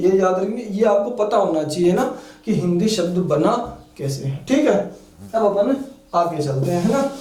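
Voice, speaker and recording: A man's voice: high voice, mellow, recorded from a distance. A male teacher giving an exam-prep lecture, who keeps asking rhetorical questions and answering them himself, with a Rajasthani accent. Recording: echoey room, voice from off the mic.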